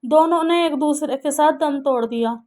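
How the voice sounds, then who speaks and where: A woman's voice: high-pitched, moderate pace, a little mellow. A woman narrating an emotional love story in a sorrowful storytelling manner.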